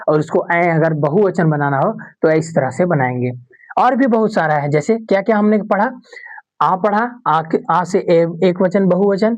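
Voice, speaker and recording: Woman teaching grammar slowly, dull lo-fi sound. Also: medium pitch, a little mellow. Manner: repeats example words slowly, asks and answers own questions. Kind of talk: exam-prep classroom lesson.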